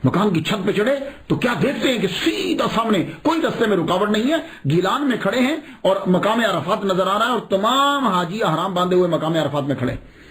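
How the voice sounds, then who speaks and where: A male preacher tells a religious story with a lively voice that leaps up and down, sitting fairly high for a man. He throws in rhetorical questions and chuckles as the tale unfolds.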